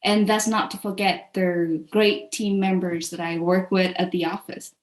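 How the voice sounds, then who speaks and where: Unhurried and fairly flat in pitch, this low-leaning voice belongs to a Vietnamese woman, a culinary association staffer hosting a webcast. She speaks earnestly and candidly in casual interview talk, recorded in an echoey room.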